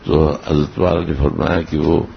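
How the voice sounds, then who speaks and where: A man with a deep, gravelly voice tells a personal story to a gathering in a slow, halting way. He restarts phrases and chuckles now and then. The recording is dull and lo-fi, with a faint hiss. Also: level tone. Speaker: storyteller recounting memories of his spiritual master.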